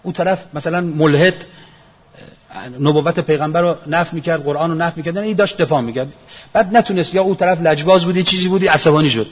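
A man with a husky, somewhat high voice gives a religious lecture. He reasons aloud earnestly and circles back to repeat his main points. The dull, lo-fi recording carries a long echo from a large hall. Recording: echoey hall, dull lo-fi sound.

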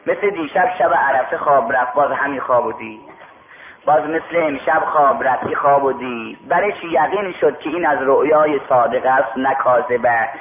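A man preaching a sermon, retelling a religious story and acting out its dialogue. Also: medium pitch. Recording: echoey tinny radio broadcast.

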